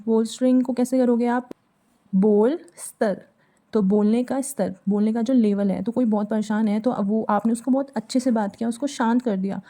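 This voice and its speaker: High-voiced woman teaching vocabulary. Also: warm tone. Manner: explains in Hindi mixed with English phrases. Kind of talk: mnemonic vocabulary lesson.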